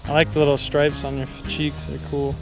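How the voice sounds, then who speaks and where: This fishing vlogger is a young man whose slightly high, monotone voice moves fairly quickly as he chats and teases while fishing on a river through the woods. The low-quality audio, captured on an action camera he's wearing or holding, has music in the background. He keeps things relaxed and jokey, exaggerating for laughs.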